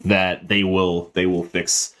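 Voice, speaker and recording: A man hosting a podcast in casual chat, excitable and stammering when he gets going. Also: deep voice, slow pace. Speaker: podcast host.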